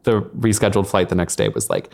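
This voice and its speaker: A man's voice: low-pitched, big pitch swings, fast, creaky, darkish tone. Young man telling a rambling story. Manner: rambling, frequent likes and swearing. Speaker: podcast host. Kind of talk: casual storytelling chat.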